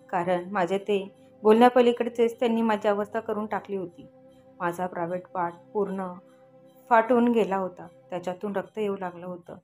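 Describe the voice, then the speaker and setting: A woman's voice: medium pitch, darkish tone. A woman narrating a first-person story in an earnest, confiding way, voicing the lines of the people in it.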